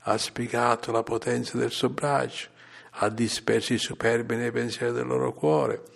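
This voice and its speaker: A man delivering a sermon, reading scripture passages in a measured, solemn way with rising emphasis. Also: medium pitch, little pitch movement, creaky. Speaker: preacher.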